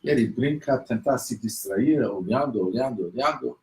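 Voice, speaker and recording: A man's voice: medium pitch, moderate pace, poor audio. A man teaching a class on faith, telling a story and acting out the people in it. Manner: animated storyteller, acts out child and mother in raised voices. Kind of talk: storytelling lesson.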